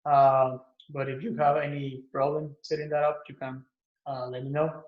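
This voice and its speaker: A man from Guatemala gives a recorded pitch for an open source project he maintains, talking in a relaxed way with many "uh" fillers and restarts. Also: normal speed. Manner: relaxed, with frequent "uh" and "um" fillers and self-repairs. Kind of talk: recorded conference pitch talk. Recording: echoey, muffled lo-fi room recording.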